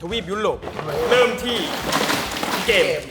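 A man's voice: slow pace, over loud music. A man hosting and refereeing a quiz game, making casual but polite announcements and reading out questions. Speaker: game show host and referee.

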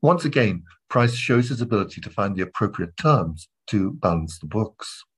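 A male academic lecturing on literature in a measured, deliberate way. His voice sits low and carries a slightly husky grain throughout. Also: expressive, rough recording. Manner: measured, reads quoted passages aloud between comments. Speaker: literature professor giving a lecture.

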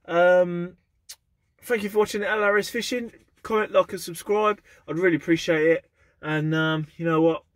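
A man in his thirties wrapping up a fishing vlog in a chatty, relaxed way from inside a van, close to the camera. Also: high-pitched, moderate pace, no echo. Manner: chatty, relaxed, casual with mild swearing. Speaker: fishing vlogger. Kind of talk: casual vlog sign-off. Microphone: camera held close, selfie framing.

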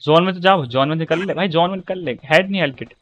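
A young male streamer with a high, bright voice calls out over a battle game with his friends. He gets excitable, shouts and says the same phrase over and over. His voice comes through a close headset mic. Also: fast talker. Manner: excitable, shouting and repeating himself. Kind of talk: live gameplay chatter with friends.

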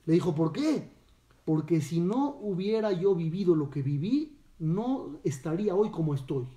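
A rabbi teaches a Torah lesson, telling the tale and checking in with his listeners through questions. His voice sits high but mellow. He is heard from a distance in an echoey room. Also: very animated, measured pace. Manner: storytelling, asks listeners questions.

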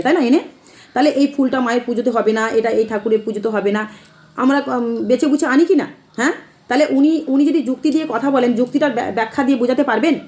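A woman's voice: a little high, darkish tone. A woman talking directly to viewers in an impassioned, emphatic way, often checking in with listeners as she makes her case. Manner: emphatic, keeps asking "ঠিক আছে?". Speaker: temple devotee vlogger. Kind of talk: impassioned personal talk to viewers.

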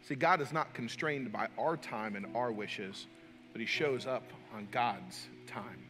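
A male pastor delivering a sermon in a dynamic style, swinging between loud and hushed, with folksy joking asides. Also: medium pitch, unhurried, long reverb tail, soft background music.

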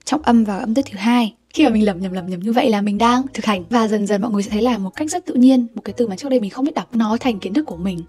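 A woman's voice: mid-range voice, racing, few pauses, mellow, breathy edge, soft background music. A young woman vlogging casually to her viewers about study tips, chatty and self-deprecating, sounding words out as she practises. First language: Vietnamese. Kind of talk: casual vlog talk to viewers.

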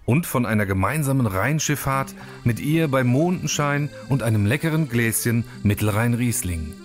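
A man narrating a children's storybook film in an expressive, animated way. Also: medium pitch, moderate pace, music in the background.

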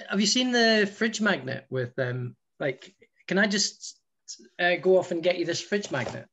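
A man's voice: sits high, expressive, moderate pace, fairly bright tone, highs cut off. A Scottish man, a guest musician, chatting in a rambling, self-mocking way with lots of restarts. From Scotland. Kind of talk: casual chat.

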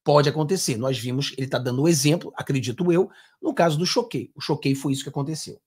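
A Brazilian man in his thirties reacts live to political clips, talking earnestly and with emphasis. His voice sits a little higher than most men's. He speaks into a desk mic in a small home studio. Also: quick pace, a little mellow, slightly rough. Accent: Brazilian Portuguese. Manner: earnest, emphatic, gestures with hands. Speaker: political commentator. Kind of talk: live-stream reaction commentary. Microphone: over-ear headphones, desk mic.

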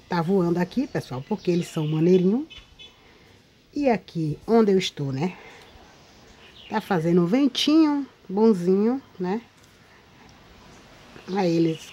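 A Brazilian woman with a lowish, mellow voice chats to her viewers, often checking in with little tag questions. She is recorded outdoors, and a faint ambience sits behind her. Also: animated, measured pace, pauses often, a little hiss or hum. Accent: Brazilian Portuguese. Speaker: paper craft video maker. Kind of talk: casual show-and-tell vlog. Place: outdoors in a windy spot.

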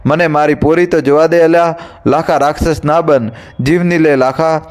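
A man's voice: on the high side, steady tone, moderate pace, lightly acted. A man voicing a desperate young village mother. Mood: pleading. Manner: pleading then raging.

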